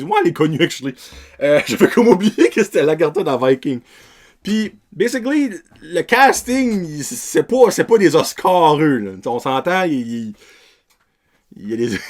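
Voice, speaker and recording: A young man with a Québécois French accent, hosting a casual film review podcast in a rambling way, dropping English words and slang as he goes. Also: on the high side. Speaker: podcast host.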